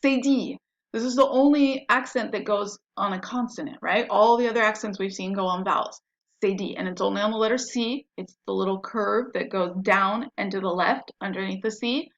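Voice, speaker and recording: A woman's voice: mid-range voice, creaky, fairly bright tone, highs cut off. A woman teacher giving a patient, step-by-step lesson, spelling words out letter by letter. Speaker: French teacher. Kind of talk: classroom-style lesson.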